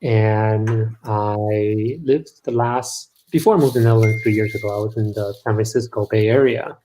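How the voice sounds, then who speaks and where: Guy on a video call, lots of ums, talks through funding slowly like an advisor. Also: fairly low pitch, fairly even intonation, mellow, slight background noise, low-quality recording. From Los Angeles, California. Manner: hesitant, many ums, explanatory. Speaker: guest startup founder and advisor. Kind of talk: live online event conversation.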